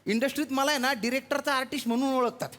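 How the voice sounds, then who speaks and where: A man's voice: very high voice, fairly even intonation, racing, a bit bright. A man playing a touchy actor cast as a police constable, defending himself in a stage comedy sketch. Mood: indignant. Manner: defensive, indignant. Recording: stage show with music and faint noise.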